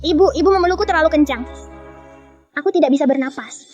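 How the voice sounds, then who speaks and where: High earnest boy voice, steady and brave, woman dubbing. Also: fast, lo-fi sound, music in the background, lightly acted. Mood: pleading. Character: clever young boy, calm and brave. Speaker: child character. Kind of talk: dubbed drama acting.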